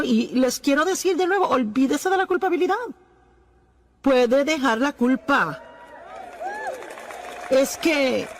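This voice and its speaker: A high-pitched woman delivers a dubbed sermon as a preacher's voice-over. She speaks earnestly, leaning on key phrases and repeating them for emphasis, with pauses between points.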